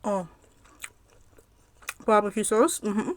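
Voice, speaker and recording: A young woman in a casual mukbang storytime, rambling with lots of fillers and pausing to eat as she talks. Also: mid-range voice. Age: young adult. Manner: chatty, rambling with many fillers, pauses to eat. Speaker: mukbang vlogger. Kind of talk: casual storytime while eating.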